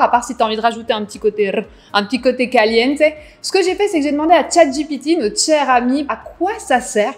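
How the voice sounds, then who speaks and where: A woman hosting a casual business vlog, chatty and enthusiastic, piling on superlatives as she talks to her viewers. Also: high-pitched. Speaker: business content creator host. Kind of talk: casual vlog talk to camera.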